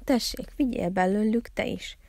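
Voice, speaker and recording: A woman voicing a proud, gruff male wild boar in a storybook reading, grunting out his boasts. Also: medium pitch, a little mellow, dry recording, studio quality. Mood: boastful.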